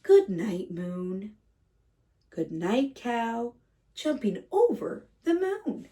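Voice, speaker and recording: A woman reading a picture book aloud to young children as a teacher, speaking to them directly in simple, gentle phrases. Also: on the high side, very animated, drawn-out words. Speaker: kindergarten read-aloud teacher and host. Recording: slightly distant microphone.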